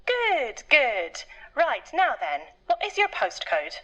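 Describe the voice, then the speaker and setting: An actress playing a cheeky phone clerk who also drives a truck, officious and teasing, in a game. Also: female voice, sits high, huge pitch swings, slow pace, fairly bright tone, full character voice, rough recording.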